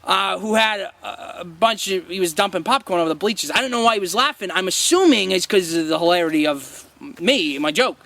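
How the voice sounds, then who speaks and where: A man playing a deluded, boastful washed-up circus prop comic who rambles haltingly and defensively in a mock-documentary interview. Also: high-pitched, creaky, bright, forceful tone, slight background noise, full character voice. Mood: rambling, self-important.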